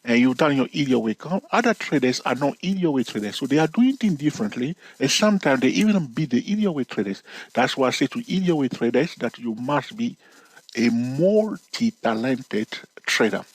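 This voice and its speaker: A husky-voiced trading educator gives a casual chart lesson over screen share, expressive and at a normal pace, in a dry but low-quality recording. He addresses viewers directly, constantly checking "okay?" and "all right?", playful and teasing, with sudden pitch jumps for emphasis.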